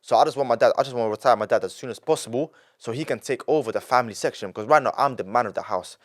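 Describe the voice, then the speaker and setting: Talking very fast in a medium-pitched voice, this London-accented nineteen-year-old podcast guest rambles with emphasis. He often restarts and repeats himself during the casual interview.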